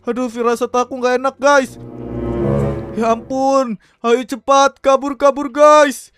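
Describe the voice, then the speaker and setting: Very high, excitable male game narrator. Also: measured pace, over music. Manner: excitable, keeps addressing viewers as guys. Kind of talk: panicky role-play game narration.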